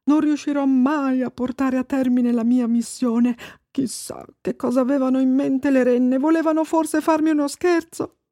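A woman's voice: high voice, fairly even intonation, moderate pace, dark tone, no echo, studio quality, pitched above the performer's own voice. A woman voicing a worried, kindly old Santa Claus in a children's story, speaking in a fretful, sighing way.

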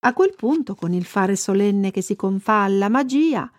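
A woman narrating a children's storybook in an expressive, lively way. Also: mid-range voice, moderate pace, no room sound. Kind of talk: storybook reading.

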